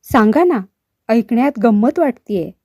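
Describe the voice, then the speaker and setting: A woman's voice: fairly high pitch, animated, unhurried, vocal fry, warm tone, no echo, exaggerated voice. Kindly male storyteller, coaxing, woman reading, dry close sound. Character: male narrator, curious, kindly.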